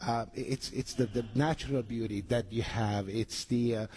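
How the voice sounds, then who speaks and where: A man from Romania, a guest on a radio interview, speaking haltingly with many hesitations. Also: medium pitch, fairly even intonation, darkish tone, husky. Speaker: guest, resort manager.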